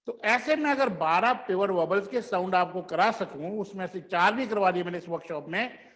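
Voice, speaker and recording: Guy teaching a class, high voice, drags out example phrases, echoey room with a long reverb. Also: a bit bright. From India. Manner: slowly spells out example phrases, mixing Hindi and English. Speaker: English teacher. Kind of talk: classroom lesson.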